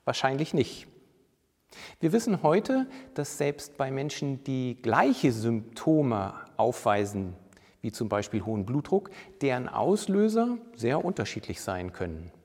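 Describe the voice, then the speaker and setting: A man giving a measured, deliberate sermon and reading scripture with emphasis. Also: medium pitch, big pitch swings, darkish tone, slightly rough, long reverb tail. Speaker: preacher.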